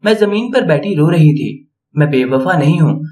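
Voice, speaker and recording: A man narrating a tragic first-person story in a steady, solemn reading voice. His tone stays mournful and earnest. His voice sits a touch high for a man.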